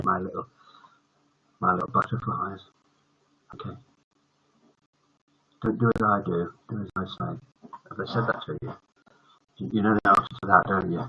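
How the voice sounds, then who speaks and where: A lowish, husky-voiced older man hosts a children's bedtime story livestream, chatting casually with viewers. His talk is jokey and rambling and often trails off, and the audio is dull and lo-fi.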